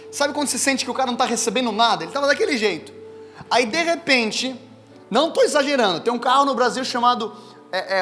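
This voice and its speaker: A Brazilian pastor with a Brazilian Portuguese accent delivers a sermon to a live congregation in a church hall, his voice pitched extremely high. He tells personal stories in a lively, chatty manner and addresses the crowd directly. The recording carries the reverb of the hall along with faint music.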